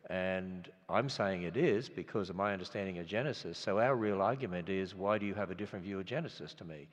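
In a reverberant hall, recorded lo-fi, an older man with an Australian accent gives a storytelling sermon, earnest and conversational with many restarts. He has a deep voice and a quick pace.

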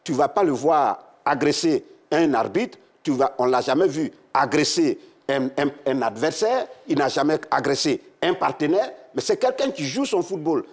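A man's voice: fairly high pitch, expressive, normal speed, hardly any pauses. A man, a talkative studio guest chatting and laughing on a football show. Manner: talkative, laughs as he tells stories. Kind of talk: casual studio chat.

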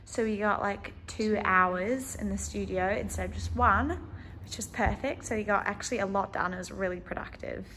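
A woman's voice: mid-range voice, normal speed, fairly bright tone, a little hiss or hum. A young woman vlogging casually into a handheld phone, chatty and confiding, laughing at herself. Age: young adult. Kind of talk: casual vlog chat. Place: home kitchen and city streets. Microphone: phone camera held close.

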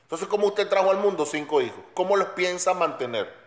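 A man's voice: high-pitched, expressive, fairly quick. A man delivering a blunt, emphatic opinion monologue. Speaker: commentator. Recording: roomy echo.

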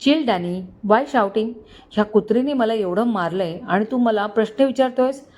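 A woman voicing a cocky, scheming young male con man who speaks calmly and mockingly. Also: a little high, moderate pace, lightly acted. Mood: smug. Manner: calm, mocking, smug.

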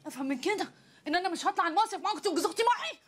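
A shrill, scolding young wife. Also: female voice, lively intonation, a bit bright, slight background noise. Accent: Egyptian Arabic. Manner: scolding, shrill, rapid-fire. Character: exasperated young wife, nagging and quick-tempered. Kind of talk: comedy film acting.

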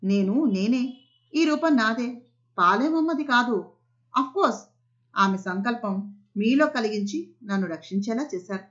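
A woman's voice: fairly high pitch, animated, moderate pace, long pauses, fairly bright tone. A woman voicing a frightened young woman who has just been rescued, telling her story earnestly. The recording is a little muffled. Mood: devout. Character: young woman, frightened kidnap survivor, devout. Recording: slightly muffled audio.

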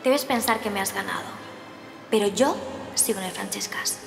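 A scheming young woman from Spain, played by an actress plots revenge in a soap monologue. Her creaky Spanish-accented voice echoes over prominent music. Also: mid-range voice, normal speed, natural voice. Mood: menacing. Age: 20s. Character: vengeful, scheming young rival. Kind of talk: telenovela inner monologue. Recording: echoing voice-over.

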